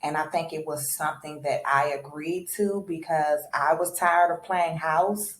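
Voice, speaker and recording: A woman's voice: low-pitched, fairly even intonation, a little slow, echoey room, poor audio. A woman in her thirties telling a candid, reflective personal story in a casual storytime vlog. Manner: candid, reflective, many fillers and restarts.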